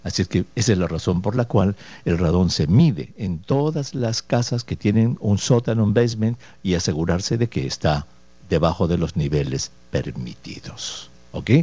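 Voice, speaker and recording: A man's voice: sits low, normal speed, mellow, husky, dry recording. A man hosting a radio health show as a doctor, explaining listeners' questions patiently with rhetorical questions and folksy diminutives. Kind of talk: radio health call-in advice. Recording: dull, dry lo-fi radio studio audio.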